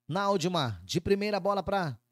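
A Brazilian man gives live play-by-play football commentary. His voice sits high for a man, and the sound is dry, with little room in it. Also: lively intonation, normal speed, dry recording.

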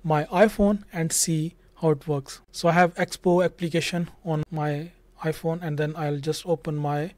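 A man's voice: a little high, steady tone, normal speed, a little mellow, dry recording. Young man explaining an app tutorial. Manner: casual, repeats fillers like "just" and "like". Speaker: tech tutorial host. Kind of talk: screen-share coding tutorial. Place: home studio room. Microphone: studio mic on a stand in front.

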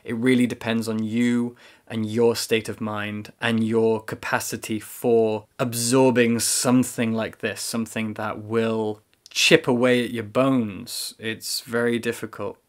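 A young man giving a casual book review to camera, emphatic and repeating words for stress. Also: lowish voice. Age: young adult. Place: small room indoors with bookshelves.

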